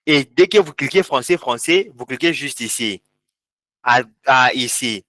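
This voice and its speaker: A man's voice: medium pitch, expressive, unhurried, bright, forceful tone, no echo, clean studio sound. Man walking students through screen steps. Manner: repetitive, step-by-step pointing at screen. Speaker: instructor. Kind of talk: live online tech class walkthrough.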